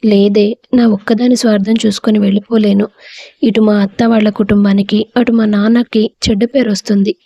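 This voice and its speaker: Woman reading as a stubborn young bride, earnest, mellow voice, dry close sound. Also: mid-range voice, level tone, brisk, no room sound, muffled recording, natural voice.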